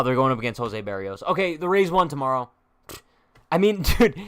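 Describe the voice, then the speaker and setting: Brash young guy with a bright voice. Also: on the high side, no room sound, clean studio sound. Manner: brash, joking trash talk, reads chat aloud; slangy, says "bro" a lot. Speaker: sports show host. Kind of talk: live-stream sports chat.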